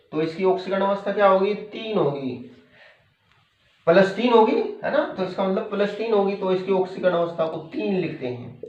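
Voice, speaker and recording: A man teaching chemistry in a patient lecture style, repeating key terms and checking in with his students. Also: high voice. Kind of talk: classroom lecture. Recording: echoey room, dull lo-fi sound.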